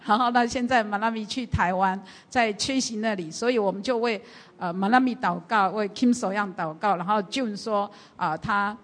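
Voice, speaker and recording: A woman pastor telling a story during a church service, animated and full of fillers. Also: mid-range voice, normal speed. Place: church hall. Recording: long hall reverb from a church.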